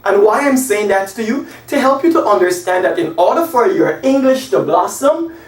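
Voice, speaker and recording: Standing by a whiteboard in a small room, a high-pitched man from Guyana, in his forties, gives a classroom English lesson. He gestures animatedly and stresses each example sentence slowly as he spells it out. The recording comes from a camera across the room, leaving his voice distant and echoey.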